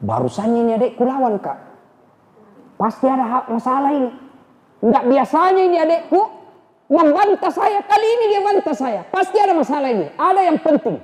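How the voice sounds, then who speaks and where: Enraged young man, put on by a preacher, high shouted bursts, big hall echo. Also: big pitch swings, fairly quick. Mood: baffled. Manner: shouting, agitated. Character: furious young man seeking a killing.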